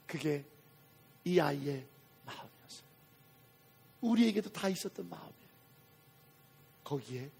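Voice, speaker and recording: High, gravelly voice of a preaching pastor. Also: male voice. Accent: Korean. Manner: dramatic preaching with acted quotes and sudden swings in loudness. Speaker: senior pastor. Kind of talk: sermon. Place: church sanctuary.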